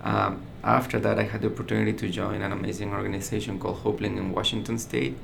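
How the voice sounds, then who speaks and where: A man introducing himself in a sincere, measured way. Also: on the low side, flat delivery, creaky, background noise. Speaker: resilience navigator. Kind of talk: personal introduction.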